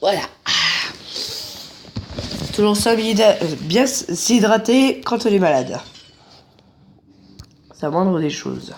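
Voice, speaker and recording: Stuffy and nasal from a head cold, a gameplay commentator talks to viewers from his couch in a casual let's-play. His high-pitched voice has lively intonation and a slightly mellow quality, and he takes it slowly with long pauses. A little hiss or hum is audible, and he keeps up chatty, jokey asides.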